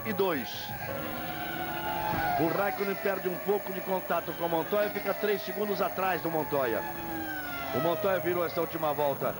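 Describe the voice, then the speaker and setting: A man's voice: sits high, normal speed, pauses often, over loud music, low-quality recording. A Brazilian man working as a motorsport commentator, calling a live race. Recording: loud car engine noise behind. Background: racing cars, trackside noise.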